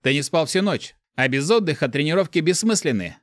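A cold, irritable spirit voice that speaks only inside someone's head, put on by a man reading a story. It talks in clipped, scornful bursts, pitched higher than the narrator's own voice and a little louder. The sound is dry and close. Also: lively intonation, brisk, no room sound, close to an everyday voice. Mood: cold, irritated. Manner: curt, scornful, snapping.

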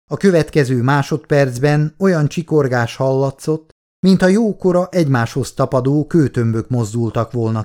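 An audiobook narrator with a mid-range voice reads an action novel aloud. It is scripted narration, delivered in a steady, measured storytelling style.

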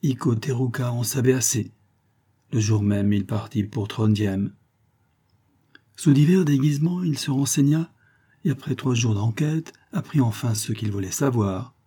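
A man narrating an audiobook detective story in a measured, steady way. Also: medium pitch, husky.

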